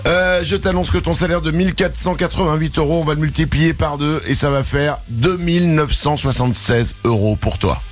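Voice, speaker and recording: A man with a French accent hosts morning radio in an animated, informal style. His voice sits fairly high and he rattles along quickly over a light music bed. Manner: chatty, animated, teasing, informal. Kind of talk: upbeat casual radio hosting.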